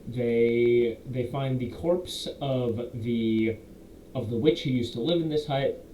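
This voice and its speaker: A game master, a young man whose voice sits at medium pitch with a dark tone, talks through a tabletop campaign recap. The monologue is loose and rambling with self-corrections and quick quoted lines from players, recorded with roomy echo and faint background hiss.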